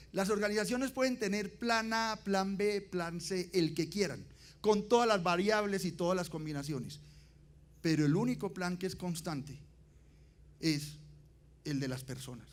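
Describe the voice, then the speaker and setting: Emphatic man giving a conference talk. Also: high-pitched. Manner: emphatic, rhetorical questions to the audience; swings between loud emphasis and quiet dropped endings. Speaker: conference speaker.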